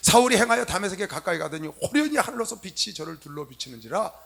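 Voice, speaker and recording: A middle-aged man preaching a sermon to young people in a convention hall, telling stories with loud stresses and soft asides. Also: high voice, fast, gravelly. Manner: animated storytelling, swinging from loud emphasis to soft asides. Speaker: pastor.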